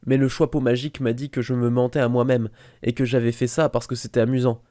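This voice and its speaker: A man voicing a clever, intense eleven-year-old boy wizard who talks in an earnest, quick way, read in a fan audiobook. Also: medium pitch, little pitch movement, dark tone, lightly acted. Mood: remorseful.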